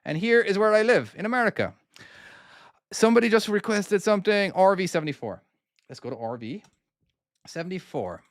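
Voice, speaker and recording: A high-pitched, expressive man talks a little fast but pauses often, recorded at studio quality with no echo. Hailing from Cork, Ireland, he uses an Irish accent while casually commenting on his trucking game live, explaining each maneuver to himself and answering viewers in chat.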